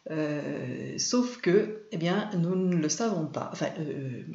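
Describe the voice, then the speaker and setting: Speaking slowly in a low, warm voice with vocal fry, this woman from France stays animated as she runs her weekly casual film live stream, working as host and film trainer. Fillers, hesitations, and restarts are frequent, and the recording has a roomy, dull lo-fi quality.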